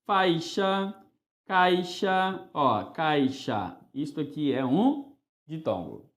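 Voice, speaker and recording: An echoey room carries the high-pitched voice of a male teacher teaching grammar with lively, playful energy. To show the stressed syllable, he occasionally calls a word out in a singsong voice.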